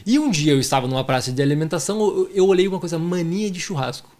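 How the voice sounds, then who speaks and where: Here an entrepreneur hosts his podcast, speaking warmly and affectionately to listeners in an effusive, casual manner. He has the gaúcho accent of Rio Grande do Sul in southern Brazil. His voice is a little high and a little mellow, and he talks quickly.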